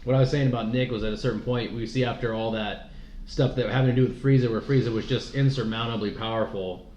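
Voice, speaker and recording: A man's voice: medium pitch, fairly even intonation, quick pace, darkish tone. A man co-hosting a podcast, chatting casually in a rambling, profane way and laughing often. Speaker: podcast co-host. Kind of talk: casual chat. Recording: roomy, dull, faint noise.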